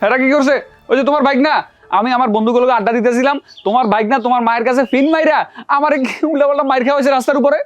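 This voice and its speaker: An actor playing an agitated younger brother who complains loudly. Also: male voice, extremely high pitch, steady tone, rapid-fire, dull audio, faint music behind. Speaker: younger brother in a family drama. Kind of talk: television drama acting.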